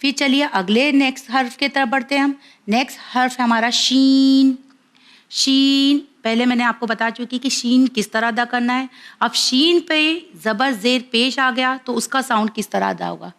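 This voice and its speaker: A woman teaching a children's lesson, explaining quickly and then drawing out syllables slowly for the children to repeat. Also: on the high side, fairly bright tone. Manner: brisk explaining, slow drawn-out syllable drills. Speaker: Quran reading teacher. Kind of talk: children's lesson on vowel marks.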